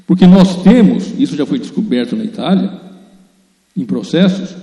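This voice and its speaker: Italian-born man, native italian speaker, emphatic commentary, very dark tone, long hall reverb. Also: on the high side, lively intonation, normal speed. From Italy. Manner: earnest, emphatic, addresses listeners directly. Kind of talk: spoken political commentary. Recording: roomy echo with long reverb.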